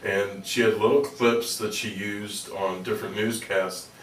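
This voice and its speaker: A middle-aged American man speaks as a guest in a conversational interview. His voice is low with little melody, and he rambles haltingly with dry humor. He sounds distant from the mic in an echoey room. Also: little pitch movement, slight background noise. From Pittsburgh, United States. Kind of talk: conversational radio interview storytelling.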